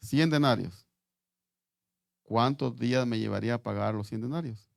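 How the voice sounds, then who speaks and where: A man preaching a sermon in Spanish, halting and repeating words as he reads scripture aloud. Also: mid-range voice, vocal fry, no echo, studio quality.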